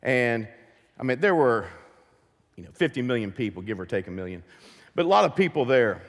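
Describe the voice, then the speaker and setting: A pastor preaching a sermon to his church, lively and full of questions to the congregation. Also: mid-range voice, brisk, in a large hall. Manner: animated, asks the congregation many questions. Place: church sanctuary.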